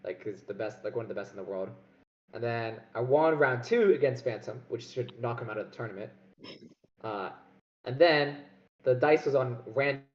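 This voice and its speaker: A man chatting casually as a player during a board game match, excitable and swearing as he tells stories. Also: mid-range voice, normal speed, muffled recording. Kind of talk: casual gaming chat.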